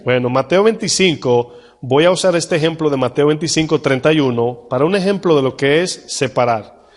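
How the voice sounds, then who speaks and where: A man preaching a sermon as pastor, putting questions to the congregation and reading scripture slowly and with emphasis. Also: on the high side. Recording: church hall reverb.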